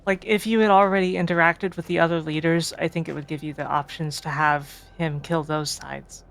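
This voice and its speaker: A woman with a fairly low voice chats playfully and helpfully as a guest on a video game stream. A faint noise sits under her voice. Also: fairly even intonation, a little fast, creaky. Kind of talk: casual gameplay chat.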